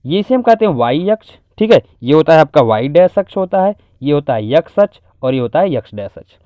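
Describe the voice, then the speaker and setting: A man's voice: on the high side, darkish tone, no room sound, muffled recording. A man teaching a school math lesson, repeating key points and answering his own questions in a patient classroom manner. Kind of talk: classroom lecture.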